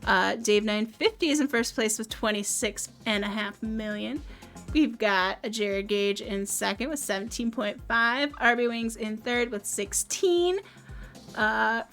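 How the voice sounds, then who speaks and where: A woman streaming a game live, chatting in a joking, self-mocking way, her voice a bit rough from being sick. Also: a little high, a bit bright. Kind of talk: live gameplay stream chat.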